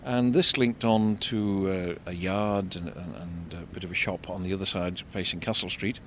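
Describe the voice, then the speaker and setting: An older man giving unscripted commentary as an architect and local guide, discursive and explanatory, halting and repeating words. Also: fairly even intonation, bright, forceful tone. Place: outdoors in a shopping street. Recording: vehicle rumble, street noise. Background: faint street traffic rumble.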